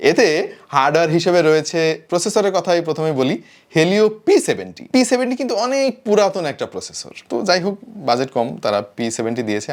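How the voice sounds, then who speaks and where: A man hosting a tech review in a chatty way, addressing viewers as brother. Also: medium pitch.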